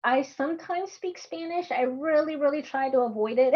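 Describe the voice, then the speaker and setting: A woman with a Texan accent, working as a course instructor, leads an online workshop in a chatty, friendly way and laughs often. Her voice is high and unhurried, coming through dull video call audio.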